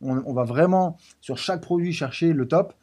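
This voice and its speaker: Man, guest in studio, husky and mellow, lively talker. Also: a little high, normal speed. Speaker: pizza business founder, guest. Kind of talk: casual studio interview.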